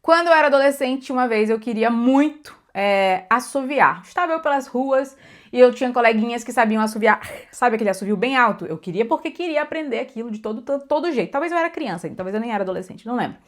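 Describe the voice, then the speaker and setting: A woman's voice: a little high, expressive, quick pace. Chatty Brazilian woman teaching English. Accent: Brazilian Portuguese. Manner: chatty, repeats words for emphasis, asks "tá?". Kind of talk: casual spoken lesson.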